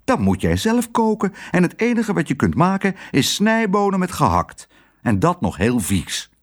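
A man's voice: high-pitched, huge pitch swings, moderate pace, voice pushed up. A man voicing a gloomy middle-aged male hotel owner who talks somberly and cries out in alarm, in a storybook reading.

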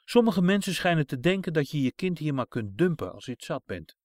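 A man's voice: on the high side, very animated, fairly quick, a little mellow, no room sound, studio quality, voice pushed up. A man reading a story aloud and voicing a worried woman who asks questions about a lost child. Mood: puzzled. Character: puzzled concerned woman at a children's home.

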